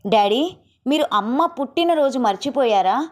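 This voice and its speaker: A woman's voice: high voice, animated, moderate pace, a little mellow. A woman reading an earnest young schoolgirl. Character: young schoolgirl missing her late mother.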